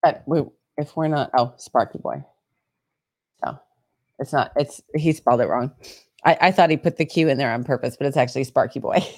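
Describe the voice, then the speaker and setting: A woman's voice: very deep voice, normal speed, darkish tone, no echo, studio quality. A woman co-hosting a call-in show in casual, off-the-cuff chat.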